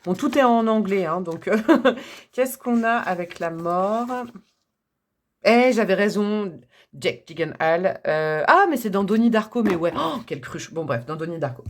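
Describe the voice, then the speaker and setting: A woman's voice: mid-range voice, animated, a little slow, a little hiss or hum. A woman with a French accent giving a casual, chatty tarot reading to her viewers, wandering off on tangents and laughing at herself. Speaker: tarot reader.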